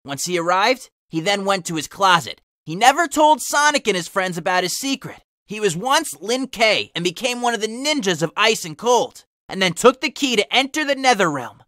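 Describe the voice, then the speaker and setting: Man as animated, sarcastic Sonic the Hedgehog, storytelling. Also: high voice, moderate pace, few pauses, dry recording, clean studio sound, heavily acted. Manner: sarcastic, wry. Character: cocky cartoon hedgehog hero, sarcastic storyteller. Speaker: host and reader. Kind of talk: animated fan fiction reading with wry commentary.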